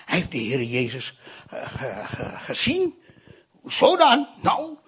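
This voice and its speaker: Speaking slowly in a somewhat high, slightly bright voice with a breathy edge and wildly swooping pitch, an Indian man gives a sermon-like testimony. He brings the tale to life by voicing the people in it and addresses the audience again and again, repeating "I tell you."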